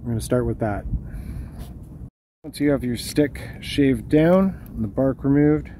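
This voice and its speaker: A middle-aged man hosting a bushcraft channel, giving calm, practical step-by-step instructions outdoors in a park. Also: mid-range voice, measured pace, noisy background.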